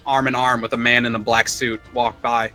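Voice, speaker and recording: A man's voice: mid-range voice, level tone, a little fast, sharp tone. A man narrating a tabletop game as game master, describing scenes casually with many fillers, with music underneath.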